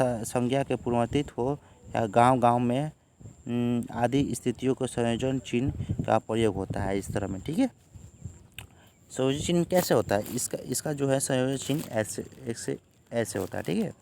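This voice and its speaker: A man walking students through a textbook unit in a gravelly voice, punctuating every point with "theek hai." He acts out the sample sentences, and a faint hiss sits under the recording. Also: medium pitch, a little mellow. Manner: repeats "theek hai" as a tic, acts out quoted lines. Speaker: tutor. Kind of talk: exam-prep lesson walkthrough.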